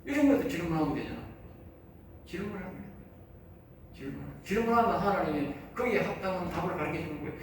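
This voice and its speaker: A gravelly male pastor with a Gyeongsang Korean accent preaches a lecture-style sermon with a somewhat raised voice, throwing rhetorical questions at his listeners. He is recorded from a distance in a very echoey church hall with a long reverb tail and faint background noise. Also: on the high side, lively intonation, quick pace, pauses often. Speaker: pastor teaching at a seminary.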